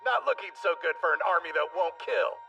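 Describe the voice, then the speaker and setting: A sneering battle-hardened veteran soldier. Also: male voice, fairly high pitch, a little fast, creaky, pushed and bright, far from the mic, highs cut off, faint music behind, full character voice. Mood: menacing. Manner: sneering, menacing taunts. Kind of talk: anime English dub acting.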